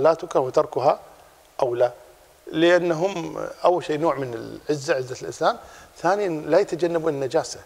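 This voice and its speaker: A man teaching a religious class, explaining a text in a lively way and repeating his key points. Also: a little high, creaky, long reverb tail.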